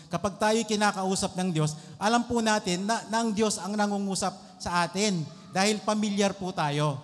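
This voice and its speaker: A man preaching a sermon in Tagalog and English, hesitant with filler words and frequent checks with the listeners. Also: sits high. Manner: hesitant, many ah fillers, asks okay often. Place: church hall. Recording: reverberant church hall.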